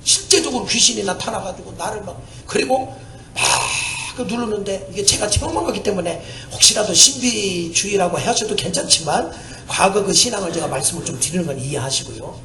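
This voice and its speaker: A man preaching a sermon as a missionary, telling stories in an animated way, laughing and shouting at times. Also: high-pitched, fairly quick, roomy sound, slight background noise. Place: church sanctuary.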